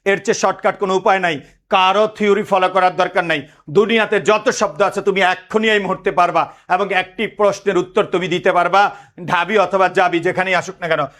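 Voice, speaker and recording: A man's voice: high voice, fairly bright tone. A man in his thirties teaching an exam-prep lesson, drilling students with repeated questions and mixing in English words. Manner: code-switches into English words.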